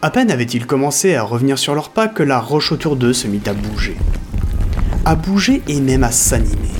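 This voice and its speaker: A man narrating a scripted audio story in a dramatic storytelling manner. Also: mid-range voice.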